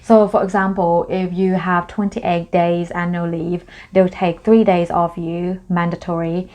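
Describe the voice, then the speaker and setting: A woman's voice: lowish voice, flat delivery, a little slow, darkish tone. A young woman from Thailand, a native Thai speaker, chatting casually to camera in a vlog, explaining things in a friendly way with plenty of fillers. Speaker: vlogger.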